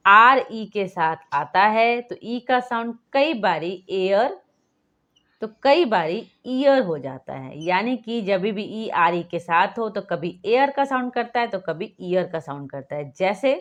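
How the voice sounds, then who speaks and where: A woman's voice: mid-range voice, big pitch swings, slow, fairly bright tone, muffled recording. A woman teaching a phonics lesson, patiently explaining and repeating each rule and quizzing the viewer.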